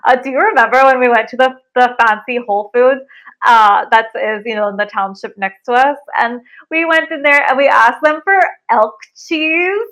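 A woman's voice: on the high side, normal speed, fairly bright tone, lightly acted. Woman playing a prim, rambling foreign caller. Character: foreign woman calling in from a makeshift tent. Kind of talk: improvised comedy bit.

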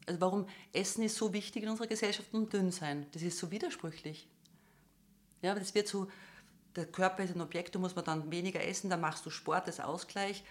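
A woman's voice: on the low side, a little fast. A woman, a therapist guest explaining her views earnestly in an interview, building her points through examples. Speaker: psychotherapist or psychiatrist guest.

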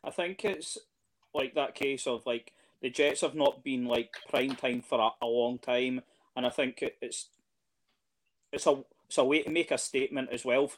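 A man talks in a relaxed, conversational way, mid-pitched. He hesitates a lot, filling gaps with ums and starting sentences over. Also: moderate pace. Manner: hesitant, lots of fillers and restarts. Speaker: podcast guest, fan. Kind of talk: casual chat.

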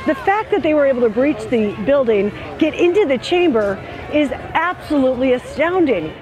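A woman's voice: high voice, expressive, normal speed, background noise. A woman news correspondent recalling events in an emphatic way. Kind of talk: interview recollection.

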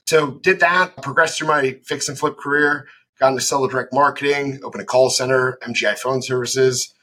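Guy in his 30s on a podcast, kinda husky and bright, just laying out his story real casual. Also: mid-range voice, fairly even intonation, a little fast, low-quality recording. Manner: laid-back, matter-of-fact storytelling. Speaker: business founder, guest. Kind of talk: casual interview answers.

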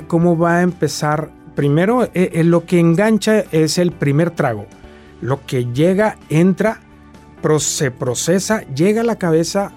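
Halting man explaining addiction. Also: a little high, darkish tone. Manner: halting, explains with many restarts and fillers. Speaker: guest addiction specialist. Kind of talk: explanatory talk-show interview.

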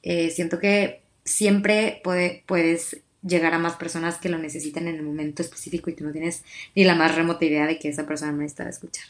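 A woman's voice: deep voice, level tone, a little fast. A young woman in her twenties with a Mexican accent, hosting a podcast in a chatty, confiding way, with many fillers and restarts. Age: 20s. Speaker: podcast host. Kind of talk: casual personal podcast monologue.

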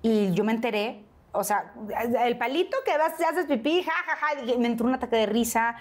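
A middle-aged woman with a Mexican accent, an interview guest telling a personal story in a lively way and often pausing on "este". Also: a little high. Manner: animated storyteller, acts out quoted dialogue, frequent "este" fillers.

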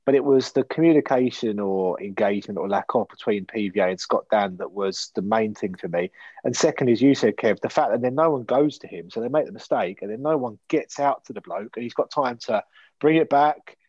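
A man's voice: on the low side, brisk, darkish tone, no echo, highs cut off. A man hosting a casual football podcast, talking frankly and steering the chat between his co-hosts. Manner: conversational, frank, steers the talk. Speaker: podcast host.

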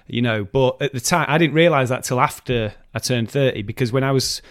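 A man's voice: mid-range voice, brisk, dry recording, clean studio sound. A man in his thirties chatting casually and animatedly, rambling through a story about his life. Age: 30s. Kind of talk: casual podcast chat.

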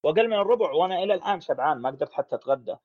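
A man's voice: fairly high pitch, animated, very fast, breathy edge. A man, a podcast guest speaking frankly in a casual conversation, in long runs with restarts. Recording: dull lo-fi audio.

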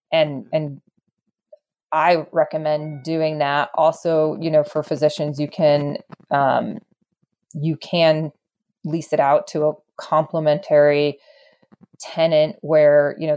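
Low-pitched and a little mellow, this interview guest walks through real estate questions in a conversational way. She proceeds with care, hesitating as she reasons through what she wants to say.

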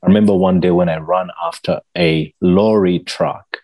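Deep husky man from Uganda. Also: steady tone, moderate pace, a little mellow. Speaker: guest. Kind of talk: personal storytelling in an interview.

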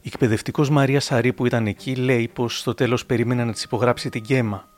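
A man in measured scripted narration for an audio documentary. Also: medium pitch, fairly even intonation, soft background music.

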